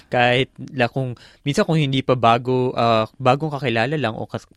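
A young adult from the Philippines, co-hosting a relaxed radio chat, agreeable and full of soft murmurs of assent. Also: medium pitch, normal speed, dry recording, studio quality. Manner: agreeable, many soft backchannels. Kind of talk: casual chat in a studio.

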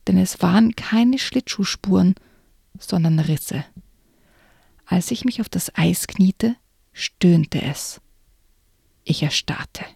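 A woman reading a children's book excerpt aloud in a hushed, often whispered way, then chatting about it. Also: on the low side, vocal fry, slightly rough, no echo, clean studio sound. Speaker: reader and co-host.

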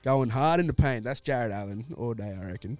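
A man's voice: medium pitch, brisk, no echo. Aussie guy chatting hoops on a podcast, easygoing, jokes around, music faint behind. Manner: laid-back, laughing, slangy banter. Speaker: podcast co-host. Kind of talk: casual basketball chat.

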